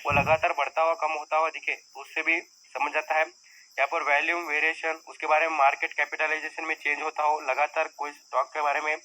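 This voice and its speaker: A man's voice: fairly high pitch, level tone, a little fast, bright, forceful tone, slight background noise, low-quality recording. A man teaching viewers about stock market risk in a conversational, repetitive lesson style. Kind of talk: explanatory screen-share lesson.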